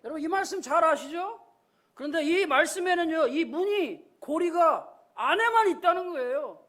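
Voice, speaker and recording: A man's voice: very high-pitched, moderate pace, a bit bright. A male pastor giving a Sunday sermon, telling a story and acting out the voices in it.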